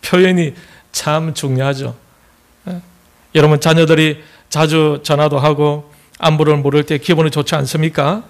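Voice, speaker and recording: A man's voice: fairly high pitch, fairly even intonation, normal speed. A man with a Gyeongsang accent preaching a sermon as pastor, folksy and joking as he tells a story.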